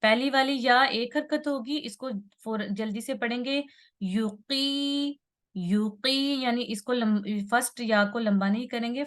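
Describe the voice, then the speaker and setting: A woman teaching Quran recitation rules. She explains patiently, draws out vowel sounds to show their length and checks in often with her listeners. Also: fairly high pitch. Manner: patient, repeats and stretches sounds, checks in with "theek hai". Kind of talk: slow tajweed lesson at a whiteboard.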